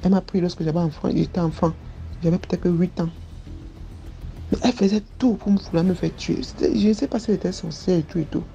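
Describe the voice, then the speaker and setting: A woman's voice: on the low side, steady tone, fast talker, gravelly, mellow, dull audio, soft background music. A woman giving an earnest personal testimony, recounting what happened to her step by step.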